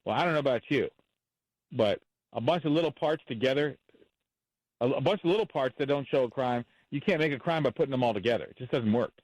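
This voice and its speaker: A man's voice: mid-range voice, fast talker, no room sound, low-quality recording. A man speaking as a defense attorney in a radio interview, blunt and impassioned, repeating himself for emphasis.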